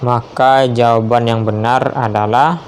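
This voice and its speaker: A man reads quiz questions one option at a time, his delivery slow and measured. His voice sits in a mid register, and each answer is confirmed with a short affirming word. A faint hiss runs under the recording. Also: medium pitch, steady tone. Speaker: teacher reading quiz questions.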